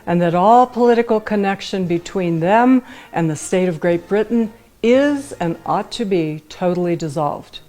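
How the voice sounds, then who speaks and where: A woman's voice: mid-range voice, mellow. A woman formally reciting a historical document as a horror host.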